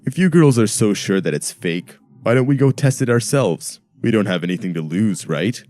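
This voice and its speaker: A man's voice: fairly low pitch, lively intonation, moderate pace, darkish tone, soft background music, pitched above the performer's own voice, close to an everyday voice. A man voicing a serious teenage schoolgirl who loves ghost lore. He lifts his voice a little and sounds earnest and challenging.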